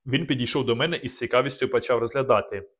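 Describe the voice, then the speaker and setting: Man narrating a novel calmly. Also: mid-range voice, very fast. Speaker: audiobook narrator. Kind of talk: first-person novel narration.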